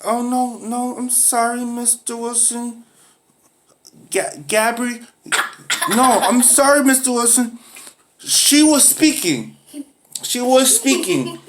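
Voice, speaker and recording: A woman's voice: on the high side, animated, slow pace, pauses often. A woman playing a patient but firm schoolteacher who drills grammar and scolds a pupil for laughing at classmates. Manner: patient, corrective, lecturing on humility. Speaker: teacher. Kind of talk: comedy skit acting.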